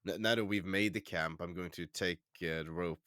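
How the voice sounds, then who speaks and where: A man's voice: sits low, fairly even intonation, normal speed, a bit bright, no echo, studio quality. A man playing a tabletop game, rambling casually with lots of fillers and some swearing. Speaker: player.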